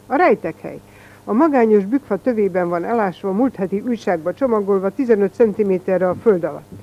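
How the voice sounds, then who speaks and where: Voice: medium pitch, lo-fi sound, lightly acted. A reader voicing a boastful schoolboy who plays detective, pompous and self-important, in a storybook reading. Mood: triumphant. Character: boastful boy playing detective, male.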